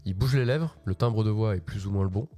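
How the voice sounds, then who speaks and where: A man's voice: lowish voice, fairly quick, dark tone, faint music behind. A man hosting a casual live tech walkthrough from his office, chatty and slangy, often restarting his sentences. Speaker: host.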